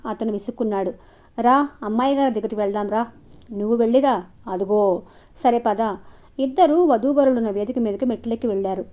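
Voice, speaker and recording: Brief: a woman audiobook narrator, fairly high voice, steady reading, muffled lo-fi sound. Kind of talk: scripted narration.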